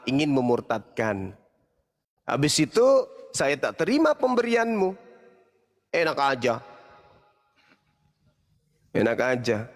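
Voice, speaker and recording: A man, an Islamic preacher delivering a heated, mocking monologue of repeated rebukes. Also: mid-range voice. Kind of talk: angry scolding monologue. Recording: long hall reverb.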